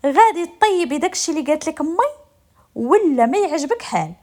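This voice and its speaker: A woman's voice: high voice, sing-song, fast talker, a little mellow, voice pushed up. A woman voicing a spiteful young woman who taunts her brother's wife, in a Moroccan accent. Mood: taunting.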